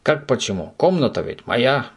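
A man voicing an angry middle-aged landlady who scolds and shouts through a door. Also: mid-range voice, sing-song, normal speed, slight background noise, voice pushed up. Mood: furious.

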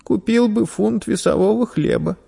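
A man voicing a frightened small boy thief who pleads in a high, tearful voice. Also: normal speed, creaky, mellow, breathy edge, heavily acted. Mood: meek. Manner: high, pleading, on the edge of tears.

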